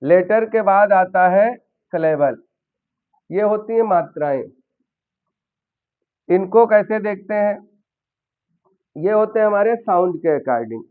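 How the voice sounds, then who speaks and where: A man's voice: sits high, expressive, slow, pauses often. A man teaching a basic English grammar lesson in Hindi, explaining step by step and asking his learners questions. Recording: tinny phone-like sound.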